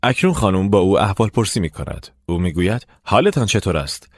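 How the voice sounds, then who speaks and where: A man narrating a language lesson, giving clear step-by-step instructions. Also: low voice, very animated, no echo, clean studio sound. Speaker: language teacher.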